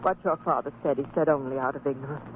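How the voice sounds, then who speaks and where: In an old-time religious radio drama, an actress with a bass voice and quick pace plays a devout, firm and hopeful wife and mother, delivering earnest, formal exhortation in a resolute, consoling mood. The recording is tinny, band-limited and noisy, like old radio.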